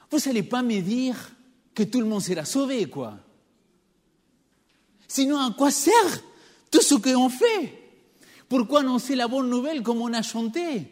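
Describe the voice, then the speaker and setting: A man with an extremely high, darkish voice preaches to his church congregation in a noticeable non-native French accent. He engages listeners with rhetorical questions, and the church hall gives the recording a long reverb.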